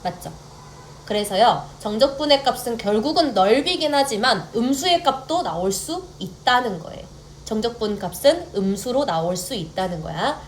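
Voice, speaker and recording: A woman's voice: a little high, lively intonation, moderate pace, a little hiss or hum. A young woman teaching a math lecture, stepping through formulas and often checking that students follow along. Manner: checks in with students, mixes polite and casual speech.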